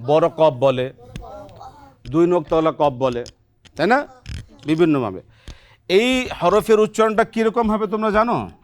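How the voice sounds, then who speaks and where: A patient, encouraging Quran teacher speaks in a steady, middle-pitched voice. The lesson is taught in a television studio. The teacher keeps quizzing the students and checking with a quick "right?". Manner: quizzes students, often adds a questioning "right?". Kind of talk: children's Quran pronunciation lesson.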